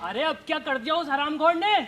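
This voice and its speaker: A performer doing a hot-tempered shouting dad. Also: high voice, brisk, heavy reverb, recorded from a distance. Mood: irate. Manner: shouting, scolding, exasperated. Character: hot-tempered, forgetful middle-aged father.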